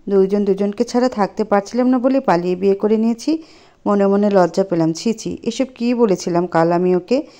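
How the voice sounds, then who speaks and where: Woman, story narrator, first person, expressive, mellow voice, mid pitch.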